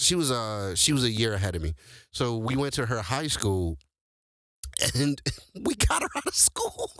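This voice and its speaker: A man's voice: lowish voice, a bit bright, no echo, clean studio sound. A man in his forties, host of the show, telling stories from his life casually to listeners, with loose slangy speech and frequent laughter. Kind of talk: casual storytelling to an audience.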